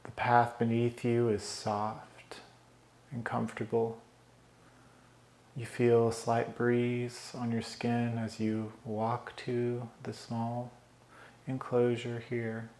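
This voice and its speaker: A man leading a guided meditation, giving calm, soothing breathing instructions with long pauses. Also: mid-range voice. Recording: roomy echo.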